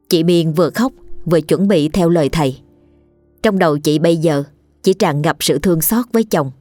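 Low-voiced woman narrating a ghost story. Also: dry recording. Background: soft background music.

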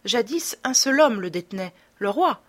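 A woman's voice: fairly high pitch, lively intonation, moderate pace, voice pushed up. A woman reading aloud voices a grave, self-important older police inspector in a storybook. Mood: solemn. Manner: grave and solemn.

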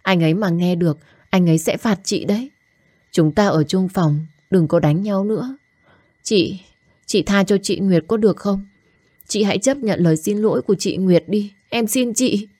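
A woman's voice: medium pitch, moderate pace, dark tone, husky, dry recording, pitched above the performer's own voice, close to an everyday voice. A woman voicing a young girl in a storybook, earnestly pleading for the fighting to stop. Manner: anxious, begging.

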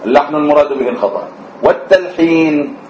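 A man's voice: medium pitch, a little fast, a little hiss or hum. A man, teaching a class on the call to prayer, asking students questions and singing out short examples. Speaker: religious teacher. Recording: echoey room, slightly dull sound.

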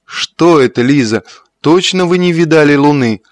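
Man doing a snooty young lady, mocking and dry, a bit higher. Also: normal speed, no echo, close to an everyday voice. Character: mocking, haughty young woman.

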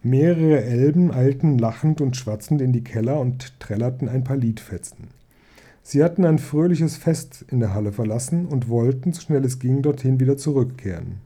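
A man reading a children's fantasy book aloud in a calm, even storytelling voice. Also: mid-range voice, moderate pace. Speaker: audiobook reader.

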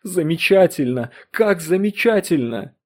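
Man doing a shrill grieving mother, husky. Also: normal speed, a little mellow, natural voice. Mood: excited. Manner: pleading, rising to shrill screams. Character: distraught middle-aged woman, grieving mother.

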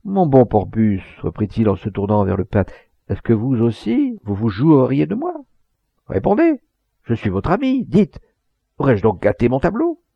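A man voicing an obsessive, proud, volatile old master painter, husky and emphatic, in a storybook reading. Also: lowish voice, big pitch swings, moderate pace, dry recording, exaggerated voice. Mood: anguished. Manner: impassioned, emphatic, with hesitations. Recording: dull lo-fi recording.

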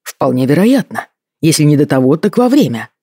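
A man's voice: on the high side, a little fast, no echo. A man reading an audiobook voices a stern young husband who speaks firmly and evenly, with dry mockery. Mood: mocking. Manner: steady, even-toned.

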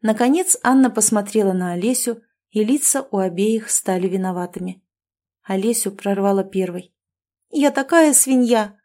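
Mellow woman narrating an audiobook. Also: medium pitch, normal speed.

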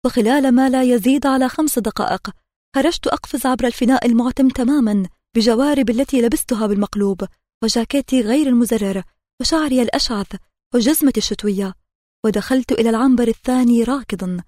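A woman narrating an audiobook in a measured, steady reading voice. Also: on the high side, no echo, clean studio sound.

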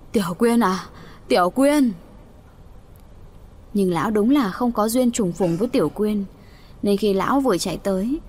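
A woman's voice: mid-range voice, a little mellow. Woman reading a village tragedy aloud. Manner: reads all characters' lines in a lightly raised voice. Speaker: audiobook narrator. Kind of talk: storytelling audiobook reading.

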